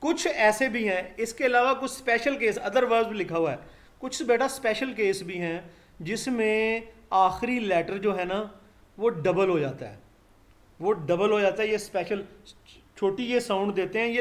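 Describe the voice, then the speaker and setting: During a live online English lesson, an English teacher, a man whose voice is fairly high, speaks to his students, addressing them as "beta" and patiently drilling every sound at a slow pace.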